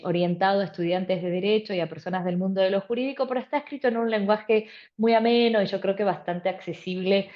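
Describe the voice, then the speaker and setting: A middle-aged Argentine woman, a bioethicist and law professor, explains her work articulately in an interview, repeating phrases for emphasis. Her voice is mid-range, and the recording has its highs cut off.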